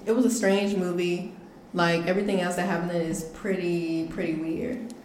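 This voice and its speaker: A woman's voice: fairly low pitch, fairly even intonation, normal speed, darkish tone. A young woman with a Charleston, South Carolina accent, chatting casually in a playful, colloquial way. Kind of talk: casual group chat. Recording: echoey room with clear background noise.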